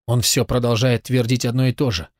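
A man's voice: mid-range voice, flat delivery, brisk, no room sound, clean studio sound, natural voice. A man reading the lines of an impassioned, grateful young man in a storybook, fervent and insistent.

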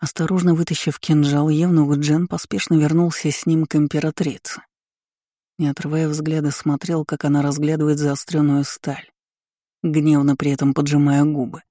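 Mellow-voiced male audiobook narrator. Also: on the high side, level tone, normal speed, no room sound, studio quality. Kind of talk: scripted first-person narration.

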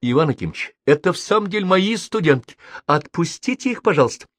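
A man's voice: fairly high pitch, big pitch swings, brisk, no echo, pitched above the performer's own voice. A man reading a story aloud and voicing an anxious, indignant woman professor in a raised voice. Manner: anxious, pleading, then indignant shouting. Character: flustered middle-aged woman professor.

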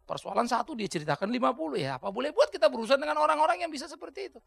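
A male pastor preaching a sermon in a colloquial way, swinging between hushed asides and loud outbursts. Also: very high voice, lively intonation, very fast, gravelly, breathy edge, dry recording.

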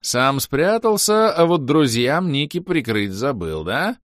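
A man's voice: sits low, little pitch movement, extremely slow, no echo, clean studio sound. A man voicing a gloating, mocking male villain in an audiobook. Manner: mocking, gleeful.

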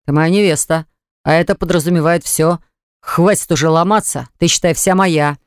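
A woman voicing a pushy, demanding young man who speaks bluntly and insistently, lower than her own voice. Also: fairly even intonation, moderate pace, clear, resonant tone, no room sound, natural voice.

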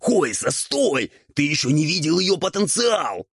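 A man's voice: medium pitch, big pitch swings, fairly bright tone, slightly rough, no room sound, studio quality, voice pushed up, exaggerated voice. A man voicing an old, sly and whiny male ghoul mentor who bickers indignantly in an audiobook. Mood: pleading. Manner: quick, indignant squabbling. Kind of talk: audiobook character voice.

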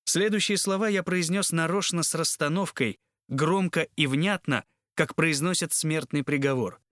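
A man reading a classic novel aloud in a measured, dramatic way. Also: on the high side, a bit bright, no echo, studio quality. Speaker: audiobook narrator. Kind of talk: literary audiobook narration.

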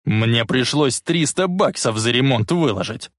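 A man reading aloud voices a drunk, brutish young bully with a slow snarl. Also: mid-range voice, big pitch swings, fairly bright tone, no room sound, studio quality, voice pushed up.

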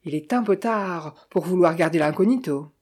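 A woman voicing a sly, smooth-talking male Italian bandit who mocks with false friendliness, in a storybook reading. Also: lowish voice, animated, normal speed, a little mellow. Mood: mocking.

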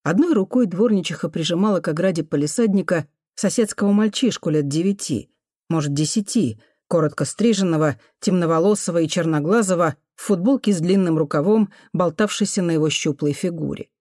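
A woman reading an audiobook with expressive narration. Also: on the low side, fairly quick, dry recording, clean studio sound. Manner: expressive storytelling. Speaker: audiobook reader. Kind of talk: scripted narration.

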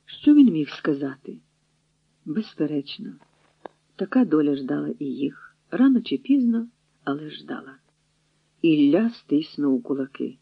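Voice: mid-range voice, sing-song, unhurried, gravelly, long pauses, husky, no room sound. Narrator reading over a tinny line. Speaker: audiobook narrator. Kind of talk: dramatic audiobook narration. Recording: dry, tinny phone-like audio.

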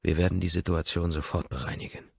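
Man doing controlling young man, audiobook dialogue, very deep, husky, dry dull sound. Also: level tone, quick pace, exaggerated voice. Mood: firm. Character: commanding young rich man, intense, controlling.

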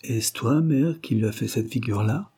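A man's voice: mid-range voice, normal speed, slightly rough. A man putting on a sneering ambitious young man. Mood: petulant, scornful. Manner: sharp, sneering, impatient.

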